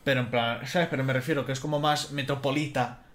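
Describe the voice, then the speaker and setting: A man's voice: medium pitch, steady tone, fast talker. A young man from hosts a casual podcast chat, rambling along with loose fillers and restarts. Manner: rambling, peppered with "en plan" and restarts. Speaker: podcast host. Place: in person, same room as guest.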